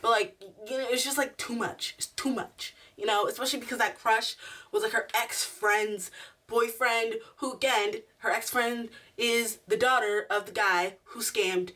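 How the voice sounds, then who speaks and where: A woman giving a chatty, slangy video review in an animated, giggly, tipsy, rambling way. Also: on the high side, normal speed, recorded from a distance. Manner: animated, slangy, acts out quotes. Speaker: reviewer hosting a show review.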